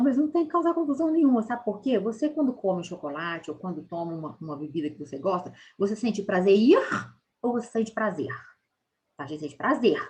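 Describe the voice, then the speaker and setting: A woman teacher explaining correct spelling in a recorded lesson, patiently, often checking in with a quick "tá?" and slowing down to stress key words. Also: lowish voice, darkish tone. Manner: explains patiently, ends phrases with "tá?".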